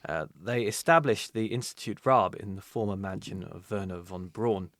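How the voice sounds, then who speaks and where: A man co-hosting a history podcast, narrating events in a steady, measured way. His voice sits fairly low. The sound is dry and close. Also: no echo. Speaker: podcast co-host. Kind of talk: reading history notes in casual podcast.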